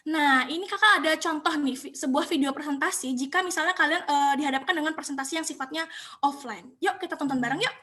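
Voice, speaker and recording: A young woman presenting a webinar, giving casual tips in a chatty, encouraging way with frequent filler pauses, over a computer mic. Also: high-pitched, sharp tone.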